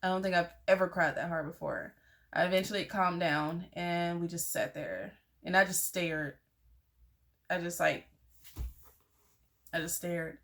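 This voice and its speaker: Speaking a little slowly with long pauses, this young woman has a fairly low, steady, somewhat bright voice. She's a vlogger recounting something personal to her audience in a frank, conversational way, full of "like" and "y'all."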